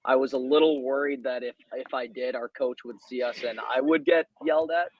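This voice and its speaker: A man's voice: medium pitch, steady tone, a little fast, slightly rough, no echo, muffled recording. A young man co-hosting, chiming in casually with extra context and a laugh. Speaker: co-host, former teammate. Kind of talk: casual chat.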